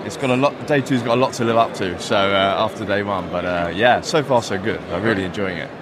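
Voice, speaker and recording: A man working in business development, chatting in a friendly, relaxed way in a quick interview. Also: lowish voice, crowd noise. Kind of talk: vox pop interview.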